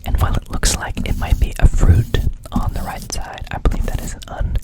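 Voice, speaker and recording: A man whispers his way through an ASMR ramble, slowly repeating words and phrases. He's an ASMR video creator and host, speaking into a close microphone that gets brushed as he talks.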